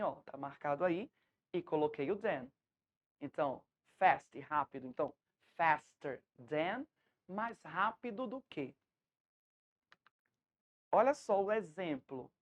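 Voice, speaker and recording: A woman's voice: on the low side, dull audio. A woman with a Brazilian Portuguese accent, an English teacher giving a patient, step-by-step lesson to a class at home, checking often that students follow.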